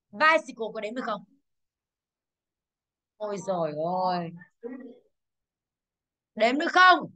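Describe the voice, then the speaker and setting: A woman's voice: high voice, pushed and bright. A woman teaching English to a class, quizzing pupils and drilling pronunciation. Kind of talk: classroom lesson.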